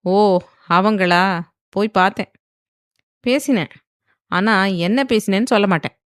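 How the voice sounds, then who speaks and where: A woman's voice: mid-range voice, measured pace, dry recording, clean studio sound, close to an everyday voice. A woman voicing a teasing, protective young man who speaks in a playful but firm way in a storybook.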